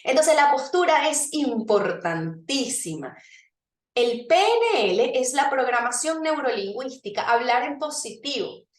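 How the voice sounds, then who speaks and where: A woman's voice: high-pitched, big pitch swings, measured pace. A woman presenting a motivational workshop, speaking straight to her audience and leading them through exercises with frequent check-ins. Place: room with a live audience. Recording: echoey room, voice from a distance.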